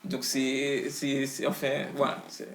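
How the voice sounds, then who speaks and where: A man's voice: medium pitch, monotone, slow, crowd noise. A man, a rapper talking as an interview guest in a loose, slangy way full of restarts. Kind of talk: casual interview chat. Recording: roomy echo.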